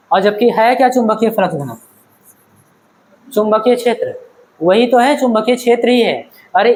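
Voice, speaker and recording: Heard on a rough recording, a high-voiced man lectures a physics class. He keeps asking questions and making sure students follow, calling them "beta."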